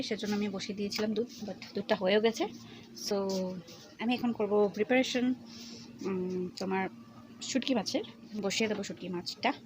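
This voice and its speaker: Soft-spoken young woman vlogging in a kitchen. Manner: speaks softly and low because others are nearby. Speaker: cooking vlogger. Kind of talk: casual cooking vlog narration. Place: dim home kitchen. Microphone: no external mic. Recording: noisy home recording without a mic.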